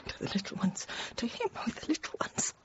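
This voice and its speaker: A female radio drama actor in her 30s, close to her everyday voice, narrates as a frightened young nursery teacher in Paris recounting a siege with control. The first-person monologue is intimate and tense, halting and fragmented, often dipping to a hush, and the recording is dull and noisy.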